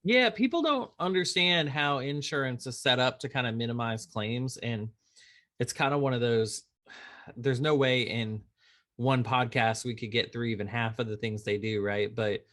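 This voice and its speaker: A man who is an insurance attorney, talking casually as a podcast guest and telling lively stories with acted-out dialogue. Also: medium pitch, moderate pace. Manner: animated storyteller who acts out quoted dialogue. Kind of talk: conversational podcast interview.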